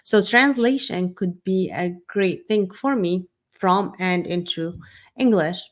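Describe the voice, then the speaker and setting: A Syrian woman whose first language is Arabic hosts an unscripted live talk. She speaks slowly at a fairly low pitch, rambling loosely with lots of fillers and restarts.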